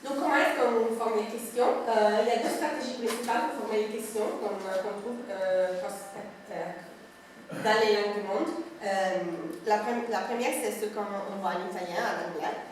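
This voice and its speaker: A woman's voice: medium pitch, moderate pace. A woman giving a university lecture to a class, explaining step by step with frequent hesitations and fillers. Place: classroom at a summer school. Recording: very echoey room, distant mic, faint noise.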